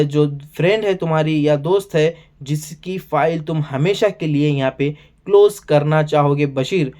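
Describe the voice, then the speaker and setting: A man's voice: fairly high pitch, darkish tone. A man casually recapping and commenting on a reality show episode, chatty and full of filler words. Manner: chatty, keeps saying "bhai" and "yahan pe". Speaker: show reviewer.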